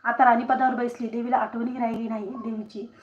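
A woman's voice: on the high side, level tone, a little fast, dull audio, lightly acted. A woman voicing an angry poor old woman, a goddess in disguise, in a storybook tale, scolding and indignant. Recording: roomy echo, faint noise.

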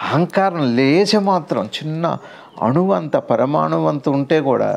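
Gravelly-voiced man teaching spirituality. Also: a little high, lively intonation, unhurried. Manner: explanatory, asks rhetorical questions, builds long lists. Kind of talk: conversational spiritual discourse.

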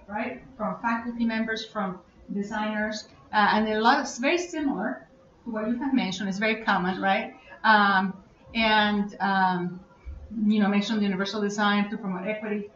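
A woman giving a live workshop presentation, chatty and quick to ask the audience questions. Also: mid-range voice, fairly bright tone, slight background noise. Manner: chatty, asks audience questions, laughs often. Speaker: conference presenter. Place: conference room. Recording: echoey, muffled room recording.

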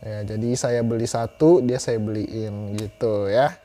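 A man's voice: lowish voice, steady tone, a little slow, warm tone. Chatty young man. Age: young adult. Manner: chatty, repeats phrases for emphasis. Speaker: YouTuber reviewing gear. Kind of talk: casual product review to camera. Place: small room indoors. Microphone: clip-on lapel mic.

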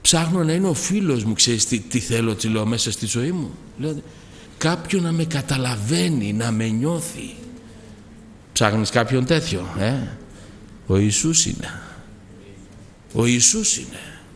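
A Greek man preaching a testimony sermon. He moves from soft, slow prayer to loud, rising exhortation. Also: mid-range voice, lively intonation, slight background noise. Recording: reverberant hall with faint background ambience.

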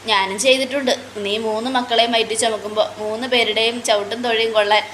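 A woman voicing a gentle older husband who calmly reassures his wife. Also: fairly high pitch, a little fast, echoey room, a little hiss or hum, lightly acted. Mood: reassuring.

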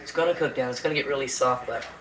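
Talking into a tablet right on her kitchen counter, a woman cooks at home and chats with livestream viewers, greeting each by name in a drawl. Her raspy voice is extremely low and very fast. A crowd can be heard behind her, and the recording quality is low.

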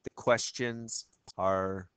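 Male tutorial presenter, froggy and croaky, lowish pitch, casual step-by-step delivery with frequent check-ins, dry sound. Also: steady tone, drawn-out words, fairly bright tone, no echo. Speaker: teacher giving a tutorial.

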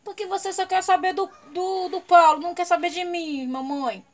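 Woman doing a jealous whiny pet dog, pleading, fairly high voice. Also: steady tone, normal speed.

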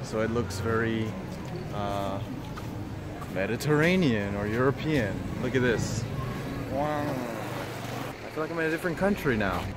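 A playful man in his thirties chats through a casual travel vlog, holding the phone at arm's length as he walks. His voice sits at an ordinary middle pitch. Loud street noise and passing cars fill the background. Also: lively intonation, a little slow, pauses often. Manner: playful, chatty, jokey asides. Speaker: vlogger. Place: outdoor market and street.

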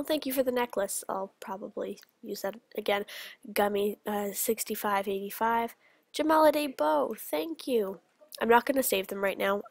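Bubbly chatty young woman with gravelly fry. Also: on the high side, no echo. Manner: bubbly, chatty, quick gasps of delight. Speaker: channel host. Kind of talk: casual game commentary.

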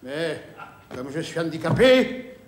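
A man's voice: fairly high pitch, sing-song, slow pace, echoey room, a little hiss or hum. A proud, wounded old father. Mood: indignant. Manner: grandiloquent, swinging between shouting and mumbling. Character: proud aging father wounded in his honor. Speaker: sitcom actor playing a father in a stage parody. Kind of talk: theatrical comic acting.

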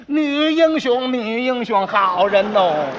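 A man's voice: very high voice, animated, takes it slowly, noisy background, exaggerated voice. A man with a Beijing accent voicing an effusive, grateful old uncle who gushes and repeats himself. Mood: gushing. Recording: dull lo-fi recording.

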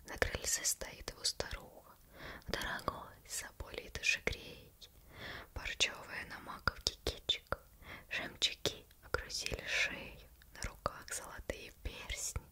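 A young woman storyteller reading a fairy tale in a gentle, measured ASMR whisper, close to the mic. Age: young adult.

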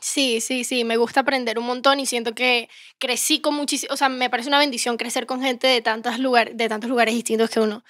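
Young venezuelan woman, chatty, high voice, dry close sound. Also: steady tone, fairly quick, fairly bright tone, no echo. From Venezuela, raised in Miami. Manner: chatty, laughing, many fillers. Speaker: guest singer. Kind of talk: casual chat.

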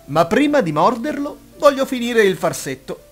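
A man voicing a boastful, cheerful little male tailor in a fairy-tale reading, talking in a bright, excited and cocky way. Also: very high-pitched, normal speed, soft background music, pitched above the performer's own voice, heavily acted.

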